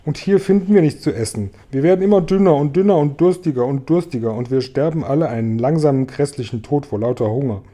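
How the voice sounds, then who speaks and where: A man doing a shrill, gloomy blind earthworm. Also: quick pace, hardly any pauses, warm tone, close to an everyday voice. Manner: complaining, shrill outbursts.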